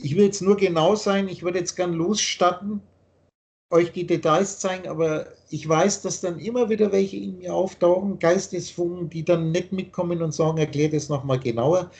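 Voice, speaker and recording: A man's voice: high-pitched, fairly even intonation, moderate pace, vocal fry, a little mellow. A man explaining his teaching in a long, earnest monologue, often repeating himself, over a video call. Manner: repetitive, earnest, lecturing.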